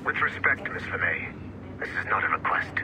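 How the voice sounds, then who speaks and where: Low-voiced, cold security boss. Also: male voice, big pitch swings, fairly quick, noisy background. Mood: curt, firm. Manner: curt, controlled, authoritative. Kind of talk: video game voice acting.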